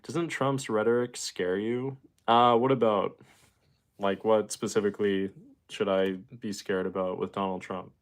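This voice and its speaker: Young man chatting on a livestream, smooth voice. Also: on the low side, unhurried. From Boston, Massachusetts. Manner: relaxed, rambling, many fillers, greets chatters. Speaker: livestream host. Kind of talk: casual livestream chat reading viewer comments.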